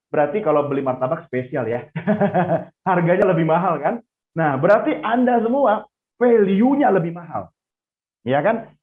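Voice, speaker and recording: A man teaching public speaking in an online class, lively, calling on students and praising their answers. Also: sits high. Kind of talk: online class for pageant contestants. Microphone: video call. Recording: tinny phone-like audio.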